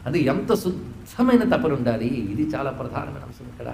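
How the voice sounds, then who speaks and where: A man's voice: mid-range voice, very animated, a little fast, vocal fry, warm tone. A man giving a devotional discourse, emphatic, asking rhetorical questions and chanting scripture verses. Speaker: spiritual teacher. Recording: echoey room, faint noise.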